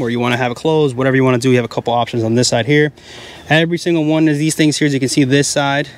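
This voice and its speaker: A man in his thirties talks quickly through a casual walkthrough of a big tent at a wooded campground. He sounds chatty and explains as he points things out. His pitch is mid-range, and a faint outdoor hum sits behind him. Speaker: camping vlogger giving a tent tour. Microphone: handheld mic in hand.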